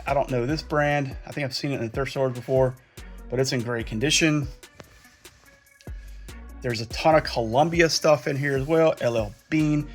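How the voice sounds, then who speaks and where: A man casually talking through a pile of resale clothes, chatty and a little out of breath. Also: mid-range voice. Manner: chatty, thinking aloud while sorting clothes. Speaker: resale vlogger. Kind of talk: casual vlog commentary.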